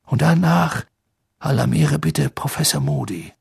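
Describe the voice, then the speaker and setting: A man voicing a calm, grave old male headmaster in a soft, breathy, half-whispered voice in an audiobook. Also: on the high side, unhurried, dry recording, studio quality, voice pushed up, full character voice. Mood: urgent.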